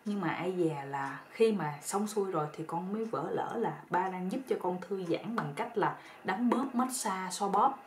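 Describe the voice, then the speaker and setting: A woman's voice: mid-range voice, moderate pace, close to an everyday voice. A woman voicing a timid, grieving young daughter-in-law who pleads tearfully. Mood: apologetic. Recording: roomy echo with faint noise.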